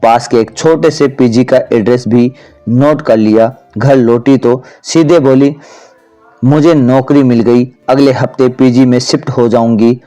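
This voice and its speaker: A man narrating a scripted family drama story in a plain, even read. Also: mid-range voice, a little slow, faint music behind.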